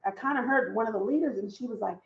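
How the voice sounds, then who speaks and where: A woman talks on a panel in an earnest, emphatic way, circling back to press her points. Her voice sits a little high and has a gravelly edge. It comes through a video call that sounds roomy and dull. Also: quick pace. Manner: earnest, emphatic storytelling with repeated phrases. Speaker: panelist, diversity and inclusion leader. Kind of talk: conversational panel discussion.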